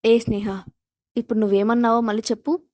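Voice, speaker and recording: A scheming young rival from an audio storybook, read by a woman narrator. She pleads and whines to get her way. Her fairly high voice is recorded dry and close. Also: level tone, fast talker, a little mellow, dry recording, lightly acted. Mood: indignant. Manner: pleading, whiny.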